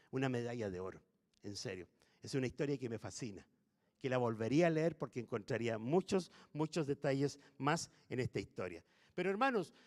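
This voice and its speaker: A man preaching a sermon in a church, retelling a story and asking his listeners questions. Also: on the high side. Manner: animated, asks the congregation questions. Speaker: pastor. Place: church sanctuary. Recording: echoey church hall.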